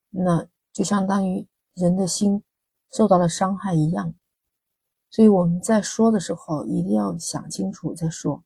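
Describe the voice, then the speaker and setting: A woman's voice: mid-range voice, vocal fry, mellow, slightly rough, no room sound, low-quality recording. A woman hosting a vlog, giving casual relationship advice in a chatty way with many rhetorical questions. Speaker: vlog host.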